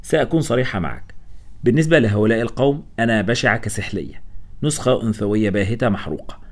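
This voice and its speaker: A man's voice: fairly low pitch, fast, lightly acted. A man voicing a frank young woman anthropologist who talks in a blunt, self-mocking way.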